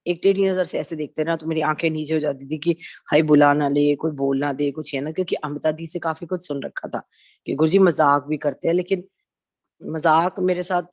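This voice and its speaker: A woman in her forties speaks in a low voice, recounting her devotional experiences at a satsang. She tells them like a conversational story, mixing in English words and acting out quoted lines. The recording is dry and close, with no room sound. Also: fairly even intonation, brisk, darkish tone, dry recording. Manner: acts out quoted dialogue in her telling. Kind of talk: personal spiritual testimony.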